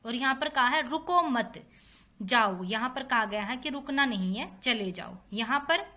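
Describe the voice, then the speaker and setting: A woman's voice: high voice, pushed and bright. A woman teacher giving a recorded lesson, patiently explaining to children and repeating examples. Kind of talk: recorded online class lesson.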